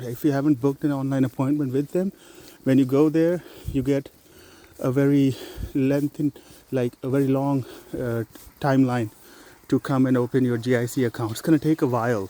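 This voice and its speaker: Mellow-voiced man vlogging on a walk. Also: medium pitch. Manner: conversational, explanatory, with fillers. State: out of breath on an incline. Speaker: vlogger giving newcomer tips. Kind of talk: casual vlog talk while walking. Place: outdoors, walking in a neighborhood.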